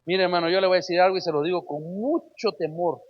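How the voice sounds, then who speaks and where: High-voiced husky male preacher. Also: steady tone, fast, dull audio. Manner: emphatic, keeps addressing listeners as brother, rhetorical questions. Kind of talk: sermon.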